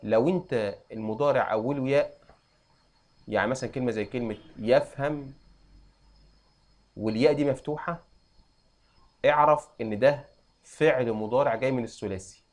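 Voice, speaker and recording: A young adult man with an Egyptian accent, teaching an Arabic grammar lesson and quizzing students with quick questions. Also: mid-range voice, darkish tone. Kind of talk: classroom lesson.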